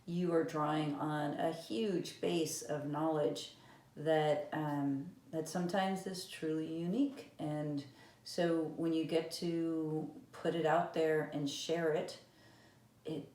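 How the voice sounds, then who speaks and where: A woman's voice: low-pitched, fairly even intonation, takes it slowly, a little mellow. A woman vlogging about knitting in casual, rambling chat with many fillers. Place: room with vinyl playing. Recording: echoey room, music behind. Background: eighties vinyl record playing.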